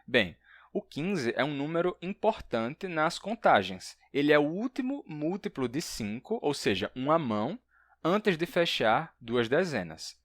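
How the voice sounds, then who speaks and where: A man explains language topics in an educational video, slowing down to pronounce example words and listing numbers in a falling voice. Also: on the high side, very animated, dry recording, clean studio sound. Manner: explanatory, drawn-out slow example words, lists numbers in a dropping voice.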